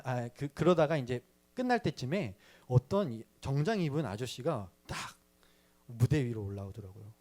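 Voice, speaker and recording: A young man in youth ministry shares his personal faith story in a sermon at a youth service, using a medium-pitched, slightly mellow voice. He's chatty and playful with the audience.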